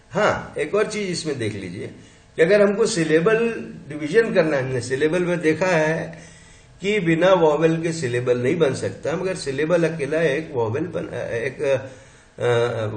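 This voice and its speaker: A man teaching a linguistics lesson, explaining slowly and sounding out syllables one by one as he counts them. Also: on the high side. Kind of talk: classroom lecture. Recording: echoey room sound.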